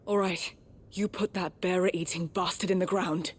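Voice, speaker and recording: A woman's voice: fairly low pitch, fairly even intonation, normal speed, husky. A woman playing a tough, protective companion to a warrior in a video game, blunt and supportive in manner. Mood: fierce, determined. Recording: very noisy ambience behind.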